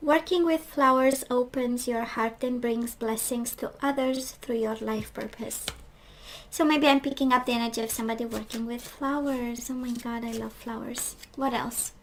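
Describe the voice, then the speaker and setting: A woman with a voice that is going hoarse, chatting casually through a tarot card reading and often asking "right?". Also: on the high side, steady tone, normal speed, a little hiss or hum, low-quality recording. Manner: chatty, reflective, frequent "right?" and "we do have". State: losing her voice, clearing throat. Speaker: tarot reader.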